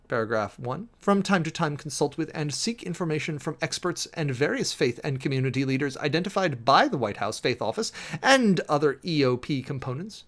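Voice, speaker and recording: Reading a legal document aloud with theatrical flair, this male streamer and host lets his pitch swing widely. He's emphatic and calls out each punctuation mark and section heading.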